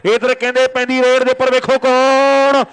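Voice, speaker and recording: A man giving excited rural kabaddi commentary, announcing in repeated stock phrases. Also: very high voice, normal speed, clean tone.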